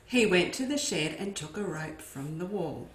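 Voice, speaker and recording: This children's educator has a fairly low voice with lively intonation and speaks at normal speed. She reads a farm story expressively, pausing for asides to the young children listening, in a room with noticeable echo.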